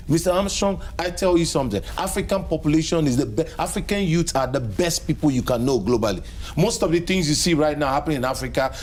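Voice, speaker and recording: A man's voice: on the high side, a little mellow. A man answering as a guest in an interview, speaking emphatically and repeating phrases for stress.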